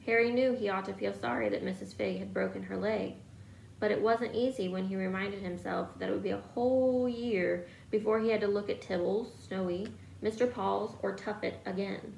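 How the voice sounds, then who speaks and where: Gravelly woman reading a story aloud. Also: mid-range voice, moderate pace, roomy sound, a little hiss or hum, low-quality recording. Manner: steady storytelling. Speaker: reader.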